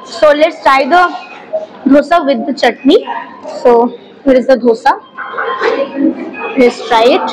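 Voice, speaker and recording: Over music in a low-quality recording, a high-voiced young food vlogger from India with a Bengali accent speaks slowly, often pausing. She tastes dishes enthusiastically with quick exclamations, using a lapel mic inside a crowded, chattering restaurant.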